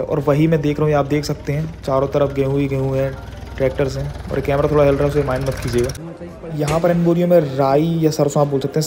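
A young man with a fairly high, dark-toned voice chats casually to his viewers in a daily vlog. He rambles straight to camera, holding his phone at arm's length.

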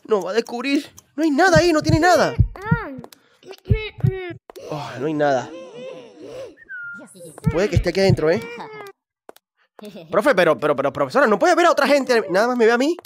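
A woman's voice: a little high, very animated, normal speed, pauses often. A woman hosting a let's play, commenting with playful mischief, often turning to her viewers. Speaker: gaming channel host.

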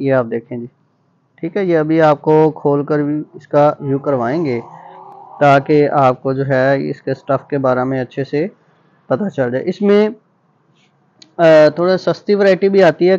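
Male shop seller, fairly high voice, casual product showcase, repetitive patter, slightly muffled phone recording. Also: darkish tone. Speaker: fabric seller presenting stock. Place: indoor fabric shop with tiled floor.

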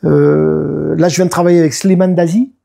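In a casual interview, a man in his fifties who works as a musician and producer animatedly recounts stories, acting out what others told him. He speaks at a moderate pace in a gravelly voice pitched on the high side.

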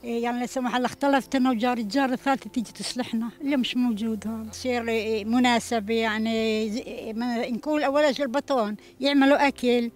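A woman's voice: fairly high pitch, fairly even intonation, very fast. A woman, recalling old neighborly customs with wry humor in an outdoor interview. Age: 70s. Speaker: elderly local resident.

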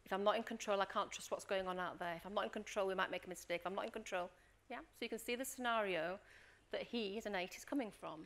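A medium-pitched woman's voice, fast and with few pauses, belongs to a middle-aged leadership coach running a workshop. She's a lively storyteller who acts out scenes in her anecdotes and frequently checks in with the room by asking "Okay?"

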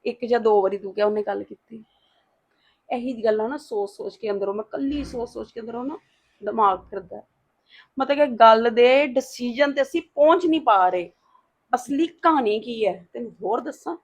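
A woman's voice: fairly high pitch, moderate pace, slightly rough. A woman playing a worried, pleading mother in an emotional family drama. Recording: dull lo-fi sound.

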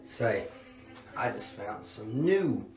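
A man's voice: on the low side, lively intonation, slow pace, a little mellow, faint music behind. A man in his thirties in a small indoor room, rambling in a laid-back, filler-heavy way about workouts into a phone camera. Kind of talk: casual fitness video. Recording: echoey room.

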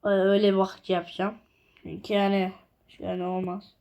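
A young woman casually chatting to viewers as she builds in a game, often counting blocks quietly under her breath. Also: mid-range voice, level tone, moderate pace, creaky, muffled recording. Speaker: gaming video creator.

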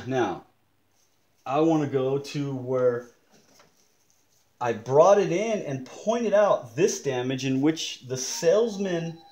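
A man showing close-up magnified damage on a watch he bought, talking slowly and deliberately, now and then muttering in frustration at his gear. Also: medium pitch, a little mellow, reverberant. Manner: slow, deliberate, pointing things out, occasional frustrated mutters. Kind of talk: casual show-and-tell demonstration. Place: indoors at a desk in a room.

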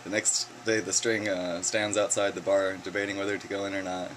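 A young man with a fairly low voice tells corny jokes to his camera in a relaxed, easygoing way. He chuckles at his own punchlines. A faint hum sits under the recording. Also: brisk, poor audio. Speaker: vlogger. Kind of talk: casual joke telling to camera.

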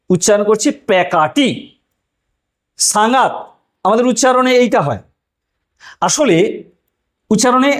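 High-voiced man teaching a language lesson. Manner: rhetorical questions, repeats examples slowly. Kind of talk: explanatory lecture.

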